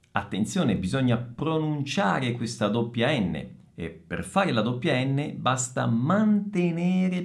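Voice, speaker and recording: A man teaching Italian pronunciation, saying each word twice with slow, deliberate care. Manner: lively, expressive pitch. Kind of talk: pronunciation lesson.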